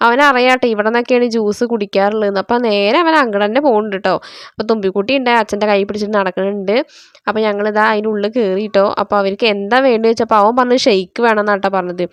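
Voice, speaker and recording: A woman's voice: mid-range voice, steady tone, rapid-fire, dry recording. A young woman from Kerala, a mother, narrating her family's day in a chatty voice-over and often tagging sentences with "you know". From Kerala, India. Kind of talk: casual voice-over vlog narration. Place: indoors, near a road with passing traffic.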